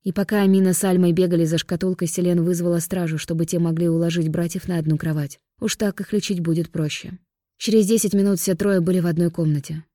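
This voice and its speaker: A woman narrating an audiobook in a steady, even storytelling manner. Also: on the low side, quick pace, no room sound, studio quality. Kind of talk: scripted narration.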